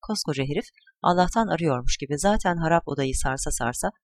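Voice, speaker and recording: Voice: mid-range voice, animated, no echo. A dry, close storyteller reading. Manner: measured storytelling, voicing grandchildren and wife with small shifts. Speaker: narrator. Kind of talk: literary short story reading.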